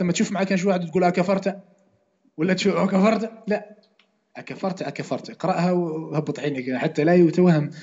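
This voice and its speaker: Quick, fairly high-voiced male teacher, explaining to a class and repeating points. Dull, lo-fi recording. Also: mellow. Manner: repeats points, often checks if students understood. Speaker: Quran teacher. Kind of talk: classroom religious lesson.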